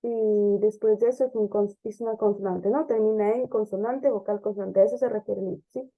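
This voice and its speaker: A woman teacher explaining English grammar step by step, often checking understanding with a quick "ok?" or "¿sí?". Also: medium pitch, steady tone. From Ecuador. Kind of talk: classroom grammar lesson. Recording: dull lo-fi lesson recording.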